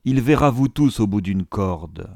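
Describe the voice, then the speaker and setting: A man's voice: on the low side, expressive, a little slow, vocal fry, a little mellow, dry recording, clean studio sound. A man voicing a frantic foreign male servant who pleads urgently in broken, pidgin phrasing. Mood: accusing.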